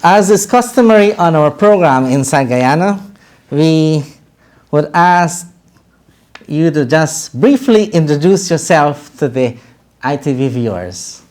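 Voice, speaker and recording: A man's voice: fairly high pitch, expressive, slow, darkish tone, slight background noise. A man hosting a TV interview program in a studio, asking questions in a formal, somewhat hesitant way. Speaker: TV interview host.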